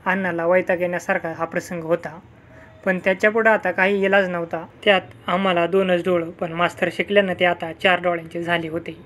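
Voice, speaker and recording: A storyteller narrating a village folk tale. The reading is calm and steady, at a middling pitch. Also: fairly quick.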